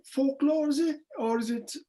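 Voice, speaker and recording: A woman interviewing authors over a video call, speaking haltingly with many restarts. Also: high-pitched, mellow. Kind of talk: casual interview.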